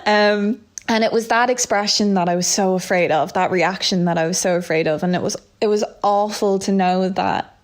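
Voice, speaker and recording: A woman's voice: mid-range voice, moderate pace. A young Irish woman speaking candidly and reflectively as an interview guest, with frequent fillers and restarts. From Ireland.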